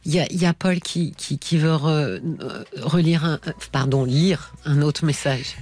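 A woman's voice: deep voice, a little slow, a little mellow. A woman hosting a live call-in radio show, giving a caller direct, encouraging advice. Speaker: radio host.

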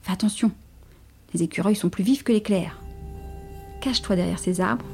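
A woman's voice: medium pitch, gravelly, darkish tone, faint music behind, lightly acted. A woman voicing a father wolf who is an eager, commanding hunter. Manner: brisk, commanding.

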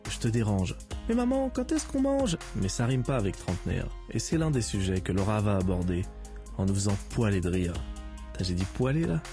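A man's voice: sits low, animated, fairly quick, warm tone, faint music behind. A man in his fifties giving a casual, joking host's introduction. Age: 50s. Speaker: host introducing a comedian.

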